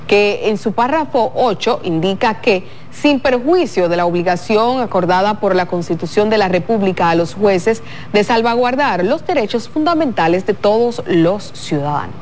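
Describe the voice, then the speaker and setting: A female news anchor, reading a bulletin in a steady, formal delivery. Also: medium pitch, slight background noise.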